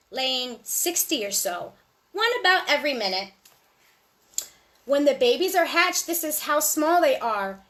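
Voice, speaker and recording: A high-voiced woman reads a rhyming children's book aloud like a storyteller, speaking straight to young listeners. Her delivery is lively and sing-song.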